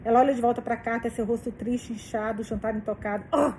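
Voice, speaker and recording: A woman's voice: on the high side, fairly even intonation, fast, a little mellow, slight background noise, rough recording. A woman reading a novel aloud, reacting emotionally and swearing between passages. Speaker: book reader.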